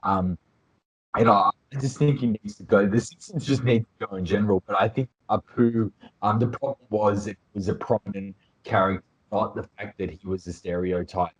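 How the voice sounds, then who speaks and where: Casting: male podcast co-host, lowish voice, opinionated, long rambling takes with filler words. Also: steady tone, normal speed, husky, poor audio. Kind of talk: casual panel chat.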